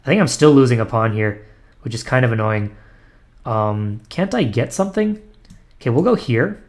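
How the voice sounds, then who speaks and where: Playing blitz chess online, a young male streamer mutters his moves aloud at a normal speed, his mid-range voice expressive and slightly dark. He often says um, restarts his thoughts, and cracks self-deprecating jokes.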